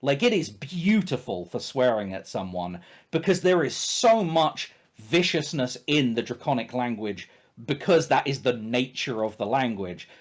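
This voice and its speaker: Animated, sweary male game master. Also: mid-range voice, measured pace. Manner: casual, sweary, emphatic. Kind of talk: improvised tabletop game narration.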